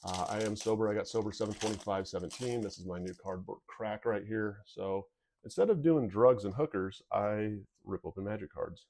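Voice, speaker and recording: A man with a low voice chats casually as he opens card packs for viewers. His nose is sniffly and whistles as he talks. He rambles along candidly. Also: normal speed, darkish tone. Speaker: video host. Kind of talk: casual card pack opening commentary.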